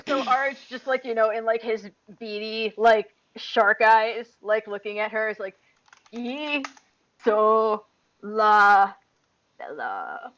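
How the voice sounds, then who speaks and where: A woman's voice: on the high side, flat delivery, moderate pace, hardly any pauses, fairly bright tone, dull audio. A woman chats casually during a tabletop game, describing what her character does. Her speech rambles with constant fillers. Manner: rambling, full of "like".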